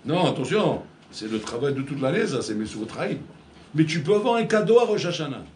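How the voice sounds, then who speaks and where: Male rabbi, lively preacher, slightly high voice, roomy echo. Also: a little fast, slight background noise. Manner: animated, acts out dialogues, addresses listeners as Rabotai. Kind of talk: Torah lecture. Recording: echoey room with faint ambience.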